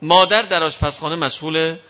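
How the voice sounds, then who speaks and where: A man with a fairly high, bright voice gives a parenting talk to an audience. He tells his points as lively stories and slips into quoted parents and children. The recording is dull and lo-fi. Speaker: parenting lecturer. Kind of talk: speaking to an audience on child upbringing.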